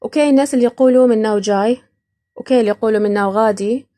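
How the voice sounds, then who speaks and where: Quick chatty woman from iraq, slightly high voice, keeps laughing as she explains. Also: dark tone. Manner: chatty, laughs often between points. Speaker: podcast host. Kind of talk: casual explaining of dialect words.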